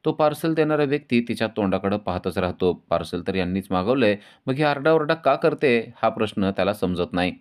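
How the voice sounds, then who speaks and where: Guy recapping a tv serial episode, low smooth voice, steady storytelling. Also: a little fast, hardly any pauses.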